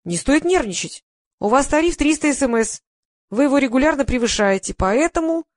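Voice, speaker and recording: A woman putting on a squeaky nasal phone clerk. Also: animated, brisk, no echo, studio quality. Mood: officious. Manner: prim scripted customer-service politeness. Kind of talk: audiobook character voice.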